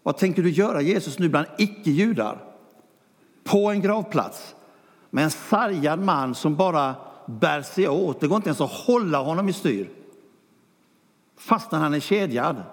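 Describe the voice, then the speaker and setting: A man preaching a sermon, retelling a story with lively questions and quiet asides. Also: a little high, in a large hall.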